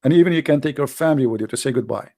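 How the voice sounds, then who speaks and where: This native Arabic speaker talks in a medium pitch at a very fast clip, his darkish voice carrying vocal fry. He's a host and religious polemicist delivering an informal, impassioned monologue, blunt and emphatic, full of repeated phrases and rhetorical questions. The studio-quality recording has no room sound.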